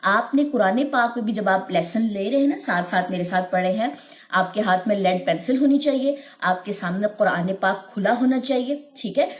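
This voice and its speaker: A woman teaching tajweed, explaining patiently with repeated points and chanting verses slowly. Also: mid-range voice, reverberant. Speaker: Quran recitation teacher. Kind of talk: tajweed lesson with chanted recitation.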